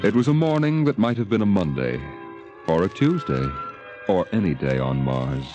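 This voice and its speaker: A man's voice: low voice, big pitch swings, normal speed, dull audio. A man narrating a 1950s radio drama in a solemn, lyrical, dramatic manner. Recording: old radio recording with music.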